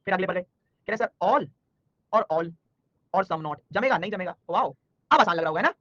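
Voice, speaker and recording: A man teaching a live online reasoning class, talking fast and teasing and scolding his students by name. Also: sits high, expressive, sharp tone, no echo, dull audio. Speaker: online exam-prep teacher.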